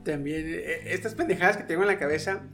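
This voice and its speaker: A man's voice: a little high, fast, creaky, bright, forceful tone, soft background music. A man with a Mexican Spanish accent, rambling and confessional while chatting as a podcast co-host. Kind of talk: casual chat among friends.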